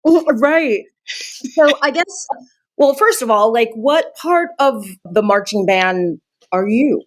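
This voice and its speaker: A woman's voice: fairly high pitch, lively intonation, slow, no room sound, low-quality recording. A woman hosting a casual chat in a bubbly, enthusiastic manner. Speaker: host.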